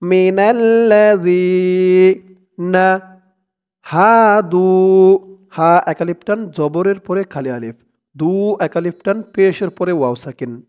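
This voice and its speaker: A man teaching scripture reading, chanting verses in long drawn-out tones and asking viewers to repeat after him. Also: a little high, expressive, darkish tone, dull audio. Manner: slow drawn-out chanting of verses, quick spoken explanations between. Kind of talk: recitation lesson.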